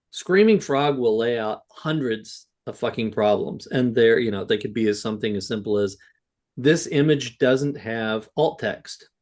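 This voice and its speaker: A man's voice: medium pitch, a little mellow. A man in a casual panel discussion talks his way through his points. He rambles with plenty of fillers and drops in an occasional curse. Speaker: SEO panelist.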